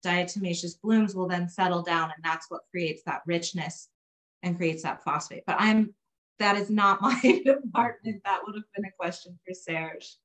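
A woman's voice: on the low side, moderate pace, fairly bright tone, poor audio. A woman speaking as an exhibit curator on a video call, informally answering questions in a hesitant, candid way. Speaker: exhibit curator giving a talk.

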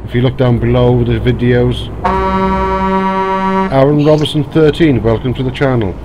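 A man's voice: medium pitch, normal speed, over loud music. A man streaming live, chatting casually and welcoming viewers by name as they join. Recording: steady background noise.

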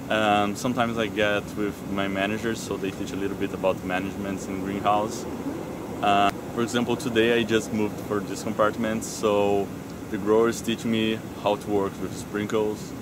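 Young intern, deep monotone, greenhouse noise around him. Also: male voice. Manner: earnest, searching for words. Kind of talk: casual to-camera testimonial. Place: large greenhouse, indoors. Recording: clear fan noise behind.

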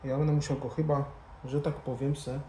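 He speaks briskly in a level, dark, mid-range voice, casually leading a hands-on tutorial and muttering to himself now and then as he works. The man is a motorcycle vlogger. His indoor garage-bar lounge recording has background noise and an echoey, roomy sound.

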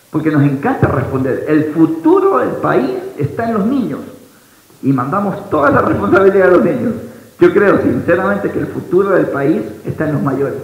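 A young man from Ecuador with an Ecuadorian Spanish accent, giving an energetic motivational talk on a large auditorium stage and questioning the audience. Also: on the high side, vocal fry. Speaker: motivational speaker. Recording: roomy hall sound, dull lo-fi audio.

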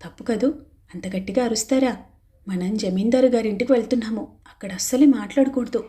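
Brief: stern old grandmother in a storybook reading, a woman's own soft, warm voice. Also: on the high side, a little fast, close to an everyday voice. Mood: scolding. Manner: quietly scolding, hushing. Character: older grandmother, strict but loving.

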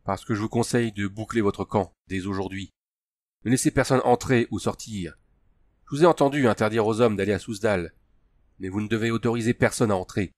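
A man voicing a steady solemn peasant elder. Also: lowish voice, no room sound, close to an everyday voice. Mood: advising. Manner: even, measured.

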